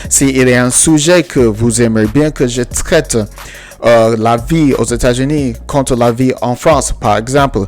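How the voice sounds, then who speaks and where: A man's voice: mid-range voice, unhurried, a little mellow, faint music behind. A man, an English speaker, giving a casual vlog lesson and spelling words out letter by letter. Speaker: vlogger.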